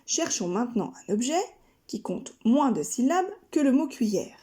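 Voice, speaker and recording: A woman from France, a kindergarten teacher narrating a scripted lesson, speaking slowly and carefully articulating each syllable. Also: fairly high pitch, big pitch swings, mellow. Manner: slow, carefully articulated, splitting words into syllables.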